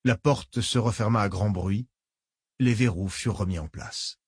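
A man reading an audiobook as narrator, measured storytelling. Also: on the low side, slightly rough, no echo, studio quality.

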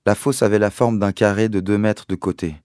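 A man reading a novel aloud in the first person, measured and expressive. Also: on the low side, no room sound, studio quality. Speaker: audiobook narrator. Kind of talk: scripted narration of a novel.

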